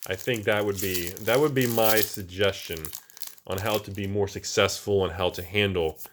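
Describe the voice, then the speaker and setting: A man's voice: on the low side, moderate pace, a little hiss or hum. A man hosting his channel, giving rambling casual commentary while he opens card packs, exclaiming often. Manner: animated and exclaiming, rambling with restarts. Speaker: channel host.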